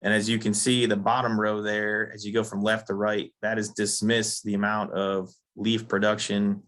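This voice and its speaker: A man giving a technical lecture on weed control, losing his voice and often clearing his throat, halting with fillers. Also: lowish voice, little pitch movement, fairly bright tone. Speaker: turf science presenter.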